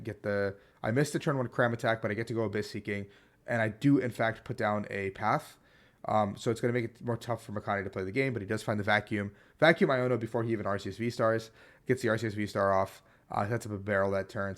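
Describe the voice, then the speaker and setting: A man with a hoarse, worn-out voice gives a casual, slangy recap of his card game tournament as a player and video creator. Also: on the low side. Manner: slangy, conversational.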